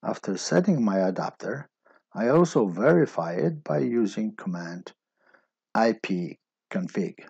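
A man giving a steady step-by-step technical tutorial as a voice-over. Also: fairly low pitch, measured pace, vocal fry, breathy edge, dry recording, lo-fi sound. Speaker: instructor.

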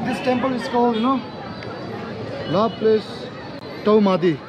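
A man's voice: high-pitched, unhurried, over music, a crowd in the background, rough recording. A man, a local friend, chats briefly and casually in a busy outdoor square, away from the mic. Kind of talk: casual chat.

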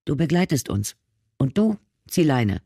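A man's voice: medium pitch, a little fast, a little mellow, no room sound, studio quality, voice pushed up, natural voice. A man reading an audiobook, voicing a tough female ex-cop who barks orders. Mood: commanding. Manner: barking orders.

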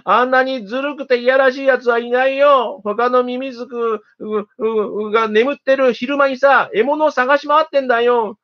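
A storyteller voicing a cheerful little male mouse who chatters quickly in a squeaky voice, in a storybook reading. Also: steady tone, lightly acted. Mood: warning. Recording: dull lo-fi recording.

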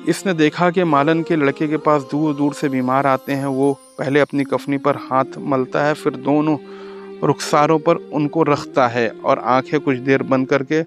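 A man reading a story aloud, raising his pitch and slowing down for the quoted lines. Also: steady tone. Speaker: narrator. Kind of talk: storytelling narration. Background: background music.

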